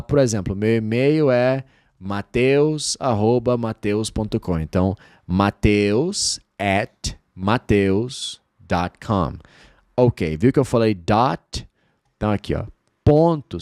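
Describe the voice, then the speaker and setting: Man, low voice, native Portuguese speaker teaching English, slow and drawn-out, dry close sound. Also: a little mellow, no room sound. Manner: slow, drawn-out model words repeated for learners. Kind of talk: online English lesson.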